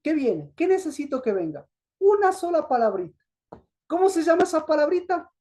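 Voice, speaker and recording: A woman's voice: high-pitched, sing-song, moderate pace, dark tone. A woman preaching a sermon, asking her listeners questions and answering them herself, repeating herself for emphasis. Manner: repetitive, emphatic.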